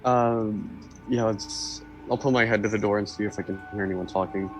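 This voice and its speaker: A man's voice: lowish voice, steady tone, moderate pace, over music, low-quality recording. A man chatting casually as a player in a tabletop roleplaying game.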